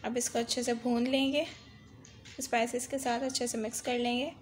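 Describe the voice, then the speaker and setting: Her voice is a little high and her delivery flat at a normal speed, set against soft background music. As a cooking-channel host, she guides viewers instructively through a recipe step by step, often saying "dekhiye."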